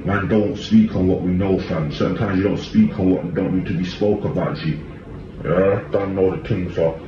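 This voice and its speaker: A man with a low voice and a London accent talks casually and emphatically in street slang, looping back on his points with tag questions. He is on a phone in a small, echoey room, with slightly dull sound and faint noise. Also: fairly even intonation, normal speed. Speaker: commentator. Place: small tiled room indoors. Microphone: phone at arm's length.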